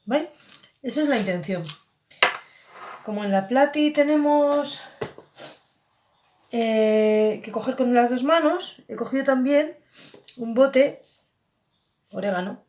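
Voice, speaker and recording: A woman's voice: a little high, slow, long pauses, a little mellow, a little hiss or hum. A woman with a Basque Spanish accent giving an online rhythm lesson, explaining patiently and chanting counting syllables aloud. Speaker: percussion teacher.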